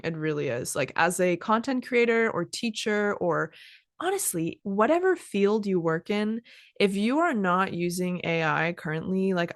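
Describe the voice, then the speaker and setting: This is a woman in her twenties with a lowish voice and fairly bright tone, an English teacher chatting casually on her podcast. She uses many "like" and "kind of" fillers and breaks off to define terms, recorded in clean studio sound without echo.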